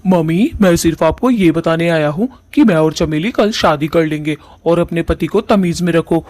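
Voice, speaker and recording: A firm young son from a cartoon story, voiced by a man speaks up bluntly to his mother. His voice is slightly high. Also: moderate pace, a little mellow, lightly acted. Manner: firm, complaining. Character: young adult son, firm, protective of bride.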